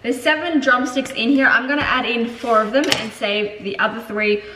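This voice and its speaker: A woman's voice: fairly high pitch, steady tone, moderate pace. A woman vlogging casually, chatting upbeat with lots of fillers while cooking in her home kitchen. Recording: echoey room with faint noise.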